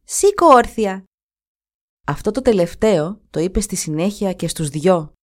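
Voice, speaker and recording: A woman's voice: medium pitch, animated, a little mellow, natural voice. A woman voicing a brave, stubborn young boy hunter, calling out urgently in a storybook reading. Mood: pleading.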